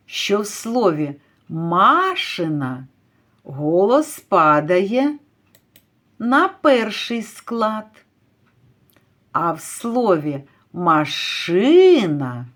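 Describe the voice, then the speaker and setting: A woman teaching a literacy lesson to young children, slowly drawing out stressed vowels as she calls out words. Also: medium pitch. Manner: slow, drawn-out, stretching stressed vowels to call out words. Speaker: kindergarten teacher.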